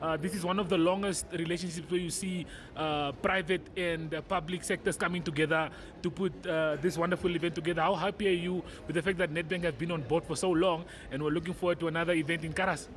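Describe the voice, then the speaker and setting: A man's voice: on the high side, steady tone, fast talker, few pauses, fairly bright tone, a little hiss or hum. A man with a Namibian accent, co-hosting and interviewing in a casual presenting style. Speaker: TV show co-host and reporter.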